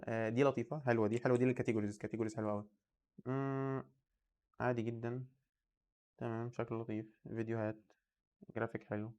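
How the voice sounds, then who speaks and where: A man's voice: medium pitch, darkish tone. A young Egyptian man in his twenties talks at a breakneck pace. He hosts a coding channel and thinks aloud casually as he browses and comments, with a mid-range voice. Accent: Egyptian Arabic. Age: 20s. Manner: rapid, chatty, thinking aloud while browsing. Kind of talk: casual screen-share commentary.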